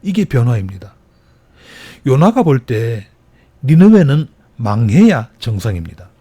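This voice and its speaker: A man's voice: medium pitch, very animated, measured pace, dark tone, slightly rough, dry recording. A man preaching a Sunday sermon as pastor, telling a Bible story and acting out the quoted voices with rising emphasis. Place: church.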